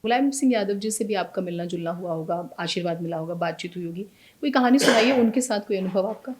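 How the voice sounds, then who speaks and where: A woman's voice: medium pitch, quick pace. A woman hosting an interview who prompts her guest and answers with short affirmations. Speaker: host. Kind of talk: casual interview.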